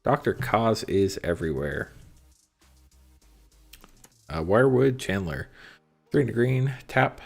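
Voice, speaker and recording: A man's voice: deep voice, creaky. A man streaming live from his card shop, casually reading card text aloud and chatting with viewers, with frequent ums. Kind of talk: casual livestream commentary on cards. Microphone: phone and computer stream setup.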